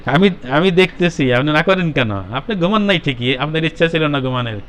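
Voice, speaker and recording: A man's voice: on the high side, animated, brisk, fairly bright tone. A man with a Bangladeshi Bengali accent, a Quran recitation teacher patiently drilling a class of children on letter sounds and calling on pupils by name. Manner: patient, repetitive, calls on pupils by name and corrects them.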